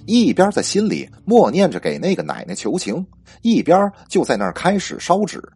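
A man narrating a ghost story with lively spoken storytelling and a husky voice. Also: sits high, dry recording.

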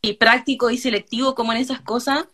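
A young Chilean woman chatting in an interview, telling stories in an animated way and acting out quotes. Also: on the high side, fast talker. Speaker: guest, hairdresser. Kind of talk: casual interview chat.

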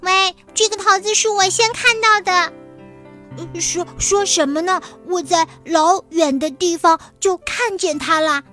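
Woman voicing a shrill-pitched, blustering little storybook mouse. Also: a little slow, pushed and bright, faint music behind, full character voice. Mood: indignant. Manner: indignant, blustering. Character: squabbling little mice, cocky, quick to threaten.

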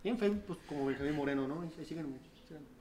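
A man with a Mexican accent, a podcast guest who teases his friends in rapid-fire slang. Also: on the high side, mellow, slight background noise. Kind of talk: casual podcast chat.

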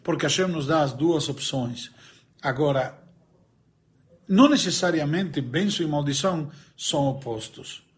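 Guy teaching torah, tells stories and jokes, does little voices for the characters, kinda high voice, stops to find the word sometimes. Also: normal speed. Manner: animated storyteller, voices characters, searches for words aloud. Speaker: religious teacher. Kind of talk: Torah lesson with told stories and a joke.

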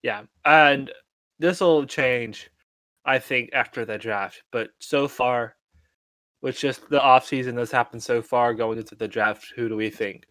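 An easygoing man co-hosting a podcast, trading dry jokes in a relaxed chat. His pitch sits in the middle range, and the sound is dry and close. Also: measured pace, dry recording. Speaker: podcast co-host. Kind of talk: casual chat.

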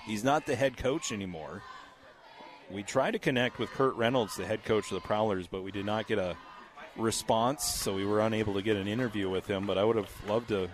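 Calling each play of a high school football game, this announcer keeps a measured, steady delivery in his scratchy voice and slips in casual fillers.

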